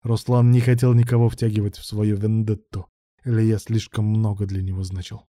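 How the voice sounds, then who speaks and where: A man narrating an audiobook in a steady, measured reading style. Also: lowish voice, no room sound.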